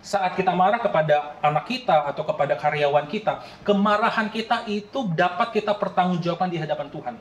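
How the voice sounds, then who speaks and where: A man in his late thirties preaches a sermon, earnest and conversational, often turning to the congregation. His voice sits a little high for a man. It echoes through a roomy church hall over a faint background ambience. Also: fairly quick, few pauses, a little hiss or hum. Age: late 30s. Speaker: pastor.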